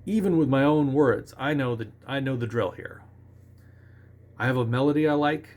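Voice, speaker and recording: A man giving a relaxed, conversational songwriting lesson, talking with restarts and sometimes singing short nonsense syllables as examples. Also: mid-range voice, normal speed. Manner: self-assured about his own lyric writing. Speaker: songwriting teacher. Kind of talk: casual instructional talk.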